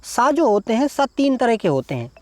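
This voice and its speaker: Very animated and very high-pitched, the male teacher moves at a moderate pace through an exam-prep lesson recorded without echo. Each answer gets a step-by-step explanation and words are spelled syllable by syllable, with "देखिए" and "ठीक है" recurring throughout.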